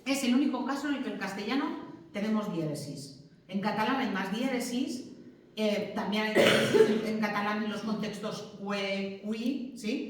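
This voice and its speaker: A woman teaching a class, patient and explanatory, often checking in with her students. Her voice comes from a distance in a very echoey classroom with faint ambient noise. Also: mid-range voice. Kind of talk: classroom lecture. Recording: very echoey classroom, mic far off.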